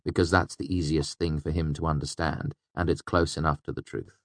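A calm, weary innkeeper with a deep, measured voice, as the narrator plays him. He speaks dryly and unhurried, recorded close and dry. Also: no room sound.

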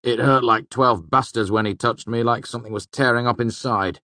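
A man's voice: mid-range voice, fairly even intonation, normal speed, dry recording, clean studio sound, pitched above the performer's own voice, lightly acted. A man reading an audiobook, voicing an irritable, skeptical male scribe who talks sharply. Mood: uneasy. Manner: sharp, incredulous.

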